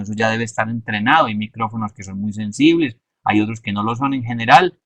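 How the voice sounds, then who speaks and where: A man giving a measured, explanatory lesson and stressing his key points. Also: fairly low pitch, dry recording. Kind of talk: instructional talk.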